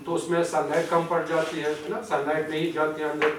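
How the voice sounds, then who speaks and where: A man's voice: a little high, little pitch movement. A man with a Kashmiri accent giving a training lecture, explaining step by step, asking questions and then answering them, slipping English terms into his speech. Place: lecture hall. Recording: echoey hall, distant mic, faint hiss.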